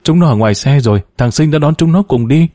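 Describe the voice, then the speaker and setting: A man's voice: on the high side, animated, fast talker, warm tone, dry recording, studio quality, voice pushed up, natural voice. A man reading a story, voicing a distraught, grieving woman with a pleading, sobbing manner. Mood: anguished. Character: distraught grieving middle-aged woman, desperate mother.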